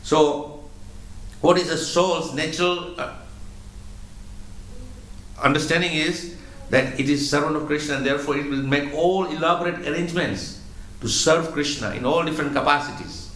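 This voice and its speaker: A man giving a religious lecture as a spiritual teacher, explaining slowly and patiently, often repeating words as he goes. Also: fairly high pitch, fairly bright tone, roomy sound, rough recording.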